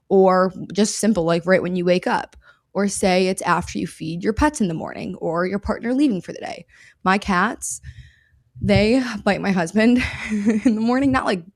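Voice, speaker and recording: In a casual, upbeat instructional episode of her own podcast, a woman with a mid-range voice teaches while repeating phrases for emphasis. The recording is dry and studio quality.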